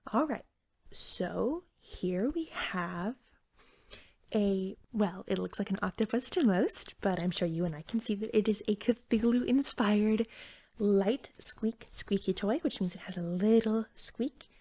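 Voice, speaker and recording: In an ASMR roleplay, a woman plays an eager, friendly cashier at a magical pet store, sounding young, soft and a bit creaky. Her mid-range voice moves slowly between gentle talk and whispers as she rambles helpfully while serving a customer.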